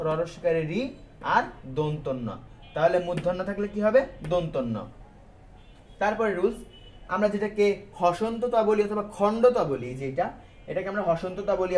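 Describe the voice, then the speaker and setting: A man's voice: high-pitched, a little mellow, slight background noise. A male teacher giving a grammar lesson to students, explaining step by step and asking questions that he answers himself, in a colloquial style with English words mixed in.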